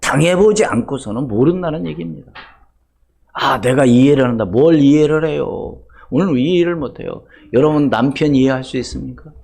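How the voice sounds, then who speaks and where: An older man preaching a Sunday sermon as pastor, asking the congregation rhetorical questions and swinging between loud emphasis and hushed asides. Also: mid-range voice, moderate pace, gravelly. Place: church sanctuary.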